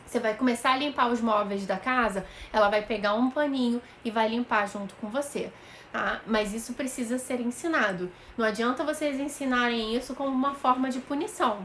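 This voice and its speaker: A woman with a Brazilian Portuguese accent talks straight to her live-stream viewers as a child psychologist, with a voice sitting a little high. She lays out practical parenting advice patiently, walking through everyday examples. A faint hiss of noise sits under her voice. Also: fairly bright tone. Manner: addresses viewers directly, often checks in with "right?".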